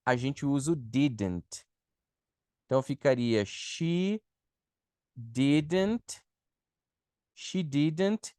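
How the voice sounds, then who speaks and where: A Brazilian man with a Brazilian Portuguese accent teaches an online English class, unhurried and deliberate. His medium-pitched voice is dark, clear and resonant as he patiently explains and answers students' chat questions one at a time. The recording is dry, with no room sound.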